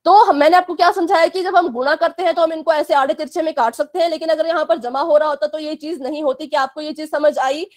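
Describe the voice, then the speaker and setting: High-voiced woman teaching math online. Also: steady tone, quick pace, hardly any pauses. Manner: patient, repeats checks, firm warnings. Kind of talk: live online class for children.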